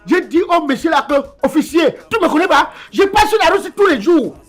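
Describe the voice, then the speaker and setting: Man playing a sly taxi driver, Cameroonian French accent, lively up-and-down voice, stalling excuses. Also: very high-pitched, a little fast, faint music behind. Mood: excited. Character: sly, evasive young male taxi driver. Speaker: comedy sketch actor. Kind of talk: sketch comedy acting.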